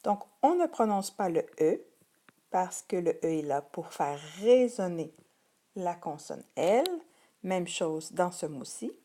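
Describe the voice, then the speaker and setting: A middle-aged woman with a Québécois French accent guides young children through a spelling list. Her voice is mellow and sits fairly low. She speaks very slowly and repeats each word with patient care. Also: very animated. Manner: slow, patient, repeats words carefully. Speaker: teacher. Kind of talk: vocabulary lesson for children.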